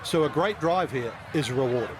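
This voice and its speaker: Man, golf analyst, live commentary, mid-pitched voice, clear outdoor background noise. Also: animated, moderate pace, crowd noise. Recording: noisy outdoor broadcast.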